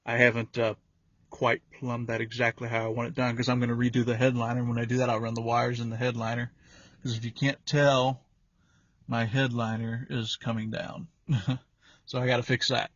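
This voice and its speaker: This vehicle DIY creator keeps a moderate pace and a medium pitch that barely moves as he casually rambles through a folksy handheld walkthrough of a pickup truck cab and the area around it. Recorded on a phone or camera held in hand, the audio is dull, lo-fi and echoey.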